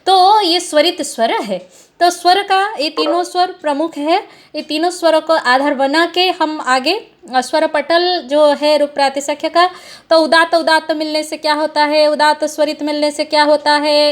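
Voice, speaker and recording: A woman's voice: high voice, steady tone, a little slow. A woman teaching a Sanskrit class, explaining patiently with frequent fillers and self-corrections and sounding out example syllables for her students. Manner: demonstrates vowel sounds aloud for students. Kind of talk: classroom lecture.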